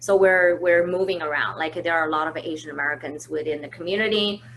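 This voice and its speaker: In a low-quality recording with slight background noise, a Chinese woman speaks quickly in a low voice with a fairly bright tone. As a marketing manager hosting a webinar from her home, she stays relaxed and chatty, often using fillers and restarting sentences.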